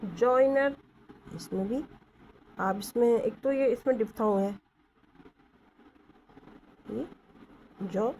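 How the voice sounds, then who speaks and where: A woman teaching shorthand at an unhurried pace, her fairly high voice rising and falling a lot as she spells out sounds and stops to ask whether the class follows. She records on a phone held in one hand while she writes at a desk indoors. A faint noise sits under the voice. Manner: explains slowly, with many checking questions. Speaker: stenography teacher. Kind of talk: Hindi-English shorthand lesson.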